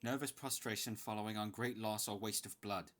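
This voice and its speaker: A man playing an earnest, sombre Victorian doctor in a radio drama, measured in delivery, with music underneath. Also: fairly low pitch, steady tone, a bit bright, close to an everyday voice. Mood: guarded. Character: earnest, grieving Victorian doctor narrating his diary. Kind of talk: radio drama diary narration and acting.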